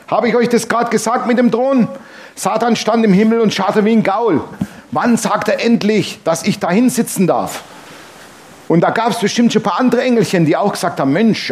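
Male pastor with a high voice, preaching emphatically with questions to the crowd and wry asides. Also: a little mellow. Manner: jokes and asides while reading scripture aloud. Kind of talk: sermon.

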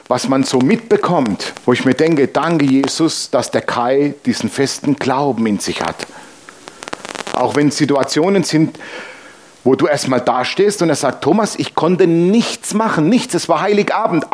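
A man's voice: medium pitch, moderate pace, a little hiss or hum. A male pastor preaching a sermon, telling personal anecdotes and pressing the congregation with emphatic rhetorical questions. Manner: conversational storytelling, exclaims Amen.

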